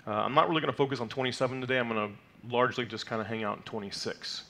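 A gravelly, bright, forceful medium-pitched voice delivers rapid-fire speech with fairly even intonation. The speaker, a man in his thirties whose first language isn't Hebrew, stands at a lectern in a mid-size sanctuary teaching the weekly Torah portion, patiently explaining terms amid frequent fillers and "okay?" check-ins.

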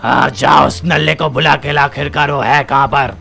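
A man's voice: medium pitch, steady tone, normal speed, gravelly, pushed and bright, faint music behind, full character voice. A man playing a barking angry gangster boss. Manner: barking, scolding. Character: angry male gangster boss, bullying and threatening.

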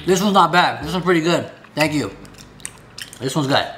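Young male vlog host, high and very lively voice, chewing and talking with his mouth full of candy, blunt and excitable. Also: normal speed, soft background music. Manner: blunt, excitable, talks with the camera. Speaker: channel host. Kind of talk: casual taste-test chat.

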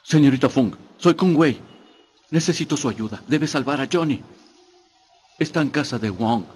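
A man's voice: medium pitch, lively intonation, moderate pace, darkish tone, slightly rough. An actor dubbing a man who leaves an urgent, pleading voicemail asking for help in an action film. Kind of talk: Spanish-dubbed action film.

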